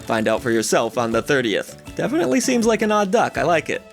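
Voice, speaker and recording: Male host, upbeat and jokey, lively voice with lots of pitch movement, slightly high, music bed underneath. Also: quick pace, gravelly. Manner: upbeat and jokey, with playful asides. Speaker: gaming channel host. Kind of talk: scripted game-release roundup narration. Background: background music.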